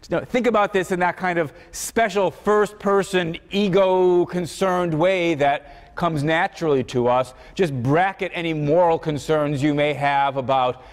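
High-voiced male lecturer in a reverberant hall. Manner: conversational, repeats words often, acts out quoted voices. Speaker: university philosophy lecturer. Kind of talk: university lecture.

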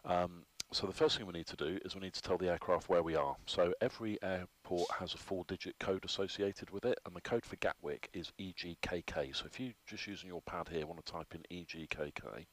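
A man guides a trainee through the cockpit of a flight simulator as instructor. His voice sits very low, and he explains things patiently, one step at a time, with plenty of ums along the way. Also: steady tone, a little fast, hardly any pauses, slight background noise. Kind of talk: hands-on instruction.

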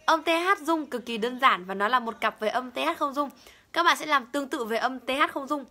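A woman's voice: high voice, brisk, pushed and bright. A young woman teaching English pronunciation, over-enunciating and repeating each word as she demonstrates it. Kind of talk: bilingual pronunciation lesson.

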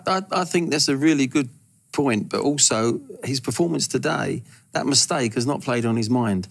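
A man in his sixties talking as a football pundit in a TV studio, animated and stumbling over his first words, on a lapel mic. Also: medium pitch, gravelly. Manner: animated, gesturing with hands, repeats words when starting. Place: large TV studio.

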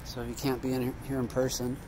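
Talking fast and in a monotone, a man with a mid-range voice vlogs his way around an outdoor parking lot. He thinks aloud and corrects himself about what he sees. The handheld phone picks up background noise.

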